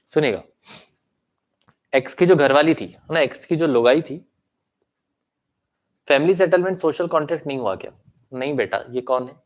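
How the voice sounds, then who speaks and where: A young man with an Indian accent teaches a law lesson online, and his throat is sore, so a cough breaks in now and then. His voice sits a little on the high side. He mixes Hindi and English and keeps checking in with his students through tag questions. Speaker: commerce law lecturer. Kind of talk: online lecture reading chat questions.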